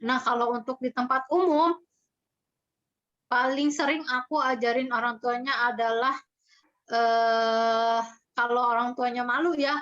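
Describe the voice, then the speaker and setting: A woman's voice: a little high, steady tone, unhurried, long pauses, a bit bright. A woman therapist on a video call, giving chatty parenting advice in a webinar and acting out little scenes between parent and child. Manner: chatty, explains with examples, acts out parent and child. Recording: muffled online call audio.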